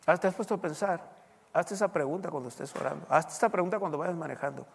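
A man delivers a conversational sermon, pressing his listeners with rhetorical questions and slipping in English phrases now and then. His voice sits somewhat high for a man, and a long reverb trails behind his words. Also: fast talker, creaky, breathy edge. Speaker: preacher. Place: U.S. Southwest.

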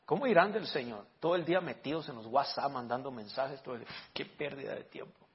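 A man preaching a sermon as pastor, lively, with frequent amens and rhetorical questions. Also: mid-range voice, fast talker, highs cut off.

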